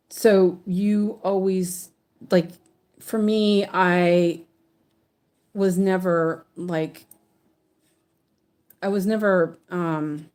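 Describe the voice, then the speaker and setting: Her voice is mid-range and mellow as this stitching channel host rambles casually with frequent restarts over her project. Originally from an English-speaking country with English as her first language, she lives in Sweden.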